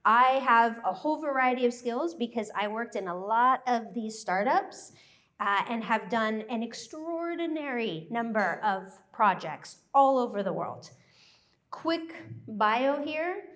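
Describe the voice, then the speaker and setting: An American woman who grew up in Thailand, giving a joyful, animated live presentation to a workshop group. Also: a little high, a little slow. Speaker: workshop speaker.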